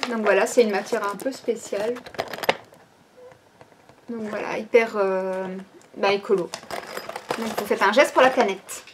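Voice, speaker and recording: A woman presents new items from her online shop in a mid-range voice, speaking a little slowly with fairly even intonation and frequent pauses. Background noise is present, and her casual, chatty talk is packed with hesitations and fillers like "ben" and "euh."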